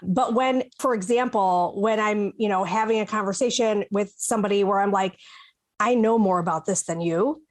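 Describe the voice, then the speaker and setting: A woman from Chicago talking as a panelist in a casual, thoughtful podcast discussion, pausing to search for her words. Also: mid-range voice. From Chicago, USA.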